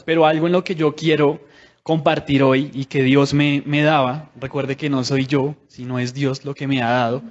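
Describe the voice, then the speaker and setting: A man's voice: fairly high pitch, darkish tone, highs cut off. A man preaching a sermon in a conversational way, asking the congregation many rhetorical questions.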